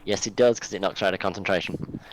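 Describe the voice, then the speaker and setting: A man as game master giving brisk rulings with frequent restarts. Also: sits low, fairly even intonation, noisy background. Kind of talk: running a tabletop game over a call.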